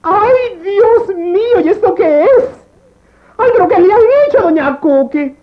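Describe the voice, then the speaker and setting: A flamboyant, effeminate hairdresser with an extremely high voice that swoops wildly. The delivery is melodramatic and feisty, full of wailing outrage, in broad slapstick sketch style. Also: male voice, expressive, slow pace, muffled recording, full character voice. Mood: wailing, horrified. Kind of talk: slapstick comedy sketch acting.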